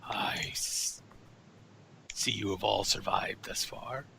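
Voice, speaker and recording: A man voicing a deep, gravelly male Trox, slow and half-whispered, solemn and mysterious. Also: fairly even intonation, full character voice.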